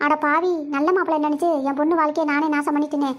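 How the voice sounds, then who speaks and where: A woman's voice: sits high, flat delivery, fast, natural voice. A woman playing a middle-aged mother who wails and lashes out in melodramatic lament. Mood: wailing, vengeful. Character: wailing middle-aged mother, fiercely vengeful.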